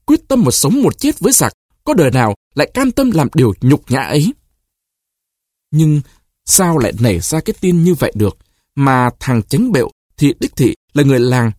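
A man narrating a short story aloud for an audiobook, in an expressive storytelling manner. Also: mid-range voice, no room sound, studio quality.

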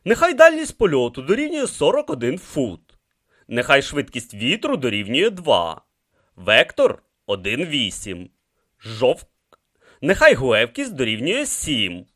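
A man's voice: medium pitch, wildly swooping pitch, unhurried, a bit bright, heavily acted. A man voicing a brilliant male camel mathematician who mutters calculations to himself in an audiobook reading. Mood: calculating.

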